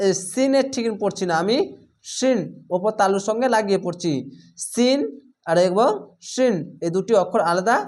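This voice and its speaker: Patient male Quran reading teacher. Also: sits high. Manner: stretches each Arabic word slowly, then explains rules quickly; patient, repeats sounds for learners. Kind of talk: Quran recitation lesson.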